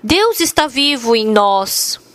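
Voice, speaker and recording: A woman's voice: a little high, very animated, takes it slowly, a bit bright. A woman interpreting a sermon, telling its story earnestly and with emphasis.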